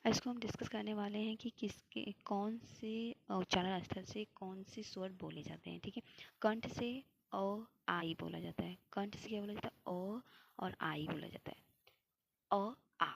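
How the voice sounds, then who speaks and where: A woman's voice: mid-range voice, unhurried, vocal fry, a little hiss or hum. A young woman teaching Hindi grammar for an exam, explaining step by step and answering her own questions. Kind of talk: classroom lecture.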